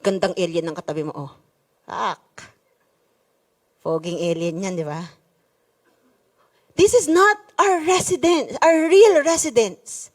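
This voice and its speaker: A woman's voice: medium pitch, takes it slowly, long pauses. A middle-aged woman pastor with a Filipino accent, preaching a sermon in a church and switching between Tagalog and English. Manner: preaching in mixed Tagalog and English with rising emphasis.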